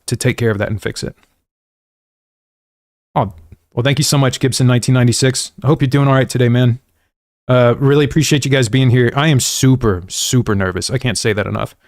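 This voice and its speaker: Speaking in a typical mid-range male pitch, this American streamer chats casually with his gaming audience from an indoor desk. He rambles, leans on slang, and is self-deprecating throughout. The recording is close and dry, with no room sound at all.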